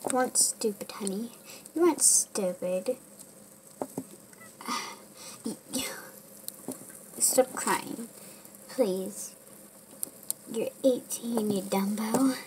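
A woman's voice: a little high, drawn-out words, pauses often. A woman voicing a bossy, fussy mother who scolds her teenage daughter in a homemade toy figure film. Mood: scolding. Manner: scolding, nagging, self-important. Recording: home recording with steady background noise.

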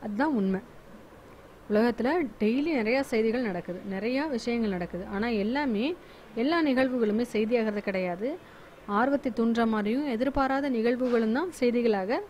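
Female teacher, fairly high voice, talkative and repetitive, faint noise under the recording. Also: a little mellow, dull audio. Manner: chatty and repetitive, restarts words often. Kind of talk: explaining a school lesson.

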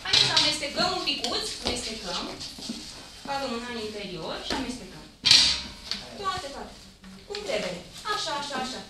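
A woman's voice: on the high side, sing-song, long pauses. Woman raffle host, thirties, upbeat and coaxing, very roomy echo, heard from far off with background noise. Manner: coaxing and upbeat with a small child. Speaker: event host. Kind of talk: live raffle presentation. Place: large clinic lobby indoors. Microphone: handheld mic filmed by a far camera. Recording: echoey room from far off, noisy.

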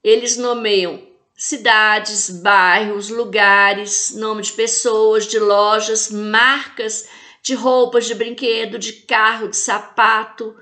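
Slow Brazilian woman teacher. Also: mid-range voice, level tone, pushed and bright. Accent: Brazilian Portuguese. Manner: slow, spells out and stresses syllables; talks to pupils with rhetorical questions. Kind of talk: recorded class lesson.

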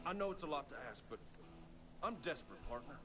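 An actor playing a desperate, rugged video game pilot who pleads urgently and swears. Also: male voice, fairly high pitch, big pitch swings, quick pace, very noisy.

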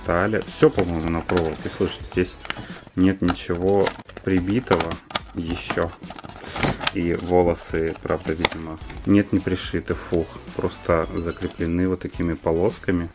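Low-voiced man doing casual unboxing commentary. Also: level tone, moderate pace, music in the background. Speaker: doll reviewer, unboxing host.

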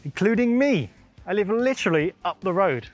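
A young man presenting an explainer to camera outdoors, with a lively, wry delivery and faint music behind. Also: high-pitched, moderate pace. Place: outdoors by a waterfront and an exhibition centre.

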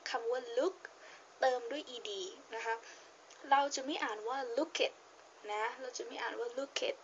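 High-voiced young Thai woman teaching. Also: muffled recording, slight background noise. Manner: patient, repeats points with frequent polite particles; reads English passage slowly with stressed words. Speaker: English teacher. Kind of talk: casual reading lesson.

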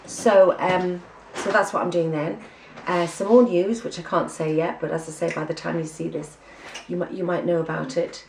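A woman's voice: fairly low pitch, steady tone, normal speed, gravelly, hardly any pauses, a little mellow, echoey room, far from the mic, a little hiss or hum, low-quality recording. A woman with an English accent giving a breezy, chatty catch-up to camera, full of ums. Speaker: vlogger giving a personal catch-up. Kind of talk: casual chat to camera.

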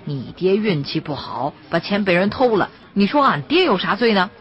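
Mocking male squad leader, lively sing-song taunts, lo-fi audiobook read by a woman. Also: high voice, moderate pace. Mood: cold. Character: cruel young male militia squad leader.

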